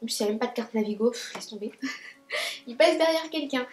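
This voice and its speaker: A young woman telling a storytime vlog in a chatty, animated way, full of fillers and restarts. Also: a little high, racing, a little hiss or hum. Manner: chatty and animated, many fillers and restarts, acts out her own quoted lines. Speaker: beauty vlogger telling a story. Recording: echoey room.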